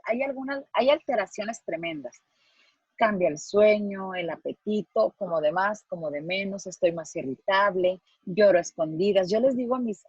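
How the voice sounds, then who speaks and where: Mexican lady psychologist lecturing students, kinda husky, dry muffled sound. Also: medium pitch, darkish tone, dry recording. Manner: earnest and explanatory, acting out quoted phrases. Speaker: psychologist giving a talk to students.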